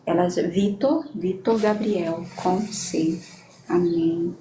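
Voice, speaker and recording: A woman's voice: lowish voice, fairly even intonation. A woman leading a prayer session, affectionately reading out names and prayer requests, often adding "amém" and "né". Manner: affectionate, reads out names slowly, frequent amém and né. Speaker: church leader taking prayer requests. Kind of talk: live-stream prayer session. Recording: echoey room with ambient noise.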